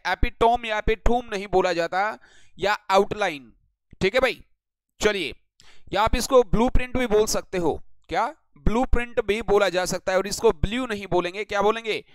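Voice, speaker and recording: A man's voice: high-pitched, a bit bright, smooth, dry recording. An Indian man teaching English vocabulary in a live online class, greeting viewers by name and repeating each word as a question for the class.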